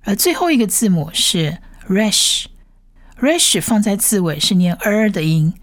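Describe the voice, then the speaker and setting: A woman's voice: medium pitch, very animated, slow, no room sound, clean studio sound. A woman teaching a Bible Hebrew reading lesson, patiently spelling out letters and repeating each sound several times. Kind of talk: slow step-by-step reading lesson.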